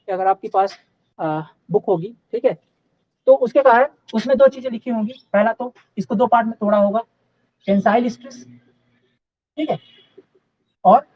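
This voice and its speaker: Mellow-voiced man teaching a live class. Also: extremely high pitch, low-quality recording. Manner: asks questions and answers them himself; repeats checks like "okay" and "clear?". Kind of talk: live online engineering class.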